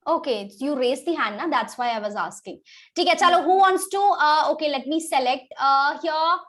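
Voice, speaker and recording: Briskly urging her young pupils along in an online maths class, an Indian-accented woman drops in Hindi interjections. Her voice is high and a little bright.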